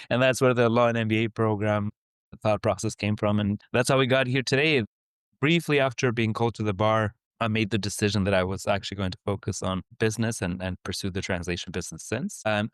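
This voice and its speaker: A man in his forties from Albania, giving measured, explanatory interview answers as a company executive. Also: fairly low pitch, clear, resonant tone, no echo, clean studio sound. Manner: measured, explanatory, with small restarts.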